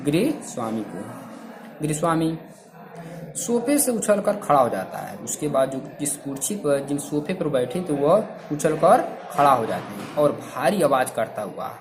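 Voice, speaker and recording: A man's voice: on the high side, very animated, measured pace, background noise. A man teaching a class who reads a story aloud and keeps repeating lines and asking questions about them. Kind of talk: reading and explaining a story to a class.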